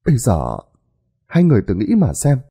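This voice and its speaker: A man voicing a stern, suspicious older village woman in a spoken horror story, with a shrill, accusing way of talking. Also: wildly swooping pitch, brisk, dark tone, husky, exaggerated voice.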